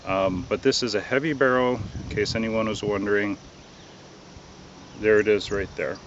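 Male reviewer, lowish voice, relaxed and halting, dull lo-fi outdoor audio with faint crickets. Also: slight background noise. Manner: relaxed, hesitant, many ums and uhs. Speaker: gun reviewer. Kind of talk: casual product review.

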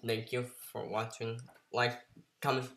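A man hosting a reaction video, making offhand, deadpan quips. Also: mid-range voice, a little slow, roomy sound. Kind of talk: casual reaction commentary.

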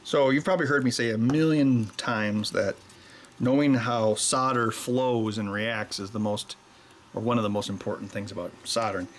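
Lowish and steady at a moderate pace, a middle-aged show host who makes electronics talks through his soldering at the workbench in a casual way, straying into jokes now and then. A little hiss or hum sits in the background.

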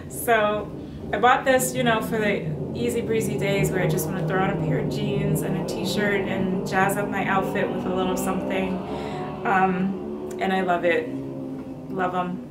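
A woman in her thirties chatting casually to camera in a room at home, bubbly and quick to laugh. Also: medium pitch, level tone, over loud music. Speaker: fashion vlogger. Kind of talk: casual haul chat. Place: bedroom or apartment, indoors. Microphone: camera on tripod, mid-distance. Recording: roomy, noisy indoor recording.

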